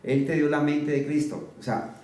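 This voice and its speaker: A male preacher with a dark, mellow voice delivers an earnest sermon, repeating his phrases for emphasis. He is picked up from some distance in a very echoey hall, with faint noise behind. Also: on the high side, little pitch movement, normal speed. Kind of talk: sermon with scripture reading.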